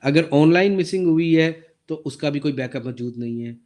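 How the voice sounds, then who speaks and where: Man lecturer, sore throat, fairly high voice, walks through slides and quizzes the class. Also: darkish tone. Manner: explains step by step, asks the class questions, reads slide text aloud slowly. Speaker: database lecturer. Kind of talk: recorded lecture over slides.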